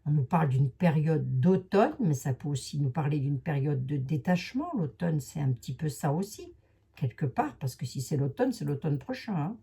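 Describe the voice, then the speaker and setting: A woman with a Lorraine accent reads oracle and tarot cards in a loose, talkative way, wandering into asides and correcting herself. Her voice is low-set, mellow and a little husky. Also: animated, normal speed. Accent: Lorraine French. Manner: chatty, rambling, with many hesitations and asides. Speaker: tarot and oracle card reader. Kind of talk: casual card reading to viewers.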